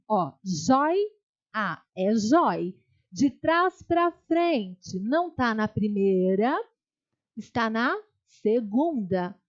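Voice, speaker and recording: A woman's voice: fairly high pitch, muffled recording. A woman with a Brazilian Portuguese accent teaching a grammar lesson for exam prep, explaining step by step, repeating key terms and checking in with her students. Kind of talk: online exam-prep lecture.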